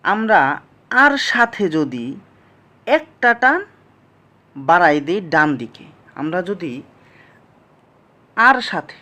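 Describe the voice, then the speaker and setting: Slow patient teacher walking thru sounds one by one, repeats stuff, middle pitch. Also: big pitch swings, bright, forceful tone. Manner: patient, repeats each sound and asks the class. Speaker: Korean language teacher. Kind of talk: slow step-by-step lesson.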